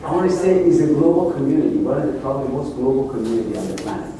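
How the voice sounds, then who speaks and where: Male seminar host, warm tone, banters with the crowd, recorded from afar in a reverberant room. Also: medium pitch, lively intonation, rapid-fire, slight background noise. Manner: chatty, jokey, engages the audience. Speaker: real estate club founder and host. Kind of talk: seminar talk to an audience. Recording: echoey meeting room, mic at a distance.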